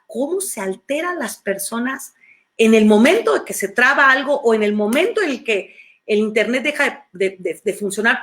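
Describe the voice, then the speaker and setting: A middle-aged woman with a Mexican accent giving an animated, conversational talk on emotions, often restarting her phrases. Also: on the high side. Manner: animated, acts out quoted voices, frequent restarts. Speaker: speaker on emotions.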